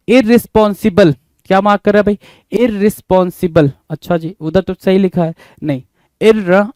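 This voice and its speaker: In a dry recording, a man with a high-pitched, darkish voice teaches English spelling in Hindi. He spells words out letter by letter and keeps asking the listener for the answer, often tacking on "bhai."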